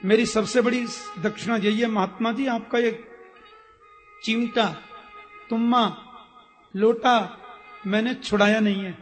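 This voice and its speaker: A man playing a short-tempered bandit who shouts and bullies. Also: high voice, fairly even intonation, unhurried, pauses often, soft background music. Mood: dismissive. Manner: shouting, domineering.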